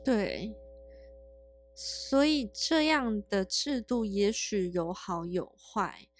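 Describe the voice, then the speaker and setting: A woman from Taiwan, chatting casually, tossing in quick witty remarks and thoughtful explanations. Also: medium pitch, animated, no room sound, faint music behind. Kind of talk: casual chat.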